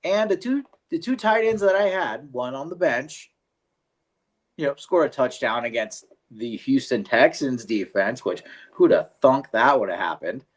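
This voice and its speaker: A man's voice: medium pitch, animated, a little slow. A man co-hosting a casual livestream chat, laid-back and swearing freely as he rambles. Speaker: podcast co-host.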